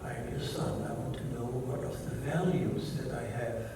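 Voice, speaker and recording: Speaking at a normal speed in a mid-range voice, an older German-accented man, German by native tongue, gives a reflective keynote lecture of personal stories, quoting people and fixing his own wording as he talks. The mic is far off in an echoey hall, and background noise is present.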